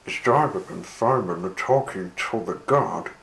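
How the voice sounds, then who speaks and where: A man reading a children's train story aloud in an unhurried, gentle storytelling manner. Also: deep voice, lively intonation, vocal fry. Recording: roomy with faint hiss.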